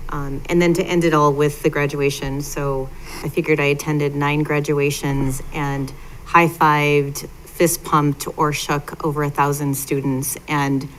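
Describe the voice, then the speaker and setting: A woman school board member speaking with feeling at a meeting, halting with many fillers. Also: sits low, little pitch movement, slight background noise, poor audio. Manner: warm-hearted, emotional, halting with fillers.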